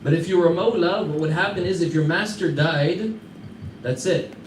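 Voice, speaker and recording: American male teacher, casual storyteller who quizzes the class, slightly high voice, recorded from a distance. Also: normal speed. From United States. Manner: conversational, quizzes listeners, chuckles through anecdotes. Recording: echoey room, mic far off, faint background hum.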